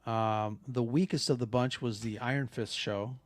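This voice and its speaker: A man's voice: medium pitch, steady tone, moderate pace, dry recording. A man talking casually as a conversation partner on an art and pop-culture show. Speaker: podcast co-host or guest.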